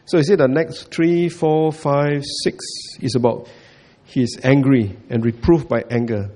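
A man's voice: medium pitch, fairly even intonation, a little slow, dark tone. A man giving a Buddhist dharma talk, repeating points, checking in with listeners and chuckling often. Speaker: Buddhist teacher.

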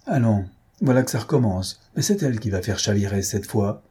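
A man's voice: on the low side, animated, a little fast, dark tone, breathy edge. A man voicing a fretful, jealous husband who talks in an uneasy, grumbling way.

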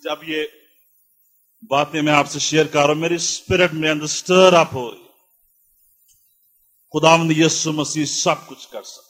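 A man's voice: on the high side, steady tone, long pauses, fairly bright tone, faint music behind. A male pastor preaching a sermon with impassioned repetition, dropping into English phrases.

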